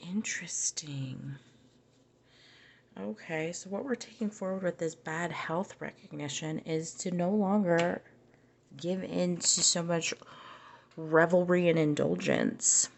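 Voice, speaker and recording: Low-voiced female tarot reader, gravelly, loose and musing delivery. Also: fairly even intonation, measured pace, a little hiss or hum. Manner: musing, conversational, trails off and restarts. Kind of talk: casual tarot reading.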